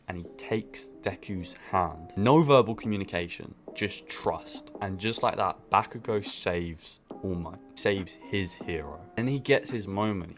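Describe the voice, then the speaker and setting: A man in his twenties narrating a scripted video essay, impassioned and emphatic, swearing for emphasis. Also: fairly low pitch. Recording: faint music bed under voice.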